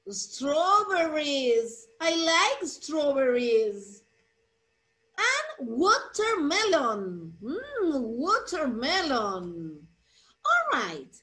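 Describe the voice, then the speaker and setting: Slow singsong woman teaching English. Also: high-pitched, pushed and bright. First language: Spanish. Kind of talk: bilingual children's English lesson.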